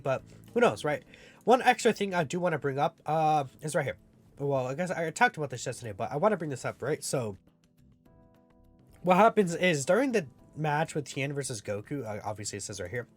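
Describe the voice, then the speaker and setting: Young man, casual gamer commentary, rambling delivery with lots of fillers, faint music underneath. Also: medium pitch. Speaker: gaming YouTuber.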